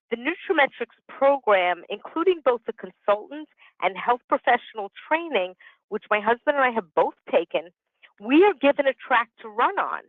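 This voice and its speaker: The clip is dry and phone-quality, featuring a woman in her sixties with a mid-range voice. She's a business consultant delivering a prepared presentation by conference call, explaining her points while adding occasional conversational asides.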